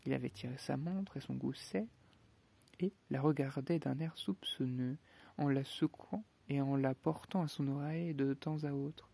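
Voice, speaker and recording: Gravelly male storybook narrator. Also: medium pitch, moderate pace, mellow, no echo. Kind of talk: audiobook narration.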